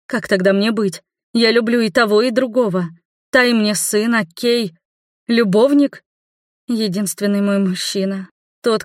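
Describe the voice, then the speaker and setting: A woman voicing a desperate young mother who pleads and cries out in a high, loud voice. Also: dry recording, clean studio sound, close to an everyday voice.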